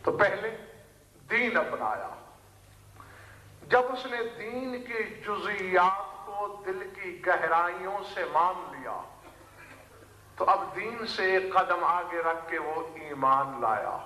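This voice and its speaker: A man delivers a sermon in a high, ringing voice, building his points through lists and repetition. His bright tone carries into a roomy hall that lingers with a long reverb. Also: expressive. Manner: measured, rhetorical lecturing with lists and repetition. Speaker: religious speaker.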